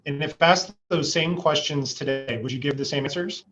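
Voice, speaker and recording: A man's voice: fairly high pitch, fairly bright tone, faint music behind. A man, an attorney, formally questioning a witness over a video call whose audio keeps breaking up and lagging. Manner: formal, measured. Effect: choppy, laggy video-call audio that breaks up. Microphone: computer mic on a video call. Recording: muffled lo-fi video call with faint noise.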